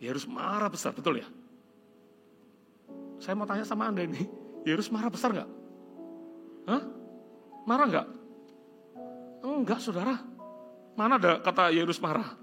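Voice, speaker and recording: A middle-aged pastor from Indonesia preaches with an earnest storytelling voice, pitched a little high for a man. He sinks into soft, prayerful tones. Guitar music plays clearly behind him. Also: lively intonation, moderate pace, pauses often. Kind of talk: sermon.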